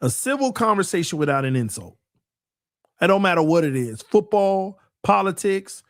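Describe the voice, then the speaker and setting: Here a man in his forties, a sports podcast host, preaches earnestly into the microphone in a casual monologue, repeating himself as he builds to emphatic preaching. His voice is high and very animated at a normal speed. The studio recording is clean and dry.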